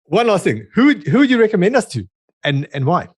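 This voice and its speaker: A man with a South African and Australian accent hosting a podcast interview in a relaxed, jokey way over a video call. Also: sits high, a little fast, breathy edge, no echo, studio quality. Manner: jokey, relaxed, laughs easily. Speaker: podcast host. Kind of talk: casual interview chat.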